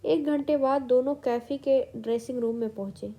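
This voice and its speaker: A woman's voice: high-pitched, moderate pace, mellow. A woman steadily reading a comic book aloud as the storyteller.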